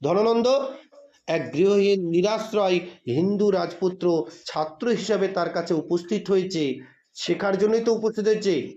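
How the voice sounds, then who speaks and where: A man's voice: high-pitched, moderate pace, warm tone, highs cut off. A man giving a literature lesson, reading lines of a play aloud and stopping often to explain words and quiz his students. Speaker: teacher.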